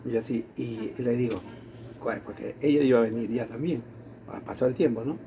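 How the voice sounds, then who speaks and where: A Latin American man with a mid-range voice tells a personal story casually, speaking a little fast over slight background noise. He's animated, acting out the quoted dialogue as a storyteller in conversation.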